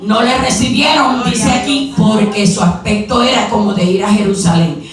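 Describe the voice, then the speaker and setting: A woman preacher giving a sermon in a church, retelling a story with rhetorical questions and quick asides. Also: medium pitch, over music. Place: church sanctuary. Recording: very echoey hall, mic far off.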